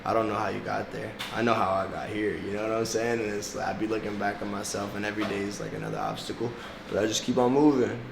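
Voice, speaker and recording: A young adult man, a Portuguese-first speaker from South Florida, United States, talks fast and gravelly with little pitch movement and few pauses, his voice on the low side. It's a casual interview about his work as a music artist, and he stays slangy and easygoing, laughing often, in an echoey space with background noise.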